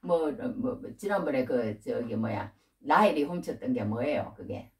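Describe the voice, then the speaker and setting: Animated woman preaching in an echoey hall. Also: extremely low pitch, moderate pace, far from the mic. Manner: lively preaching, acts out God's scolding in dialogue. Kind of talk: sermon. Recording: echoey room, voice from off the mic.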